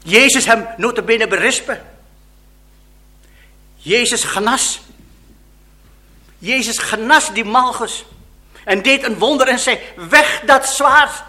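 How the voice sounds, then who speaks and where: Male preacher, slow deliberate delivery, expressive dramatic sermon storytelling. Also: very high voice.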